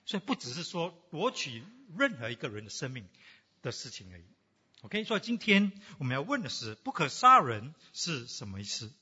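A man's voice: mid-range voice, very animated, a little fast, pushed and bright, husky. A man preaching a sermon in a church, reading scripture aloud and asking the congregation questions, dropping in English fillers. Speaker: pastor. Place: church hall. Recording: dull hall recording with long reverb.

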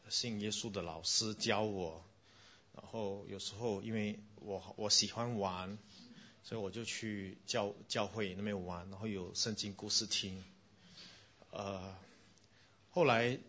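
A middle-aged man, a pastor giving a gentle, conversational children's sermon and calling himself their uncle. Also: on the low side, highs cut off.

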